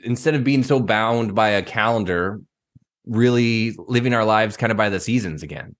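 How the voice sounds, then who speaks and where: A man who is a guest in a casual interview, telling stories with quick wit. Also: lowish voice. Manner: animated, witty storytelling. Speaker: guest, tour business owner.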